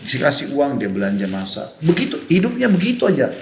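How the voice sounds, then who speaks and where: A man's voice: medium pitch, wildly swooping pitch, a little fast, reverberant, background noise. A man preaching to an audience of women in an earnest, conversational way. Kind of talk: sermon to women.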